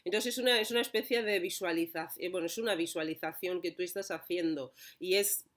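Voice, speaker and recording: A woman's voice: lowish voice, fairly quick, a bit bright. A woman with a Spain Spanish accent, giving casual advice as a channel host, talking loosely with many restarts and frequent checks for agreement. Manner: chatty, many restarts, keeps asking "¿vale?".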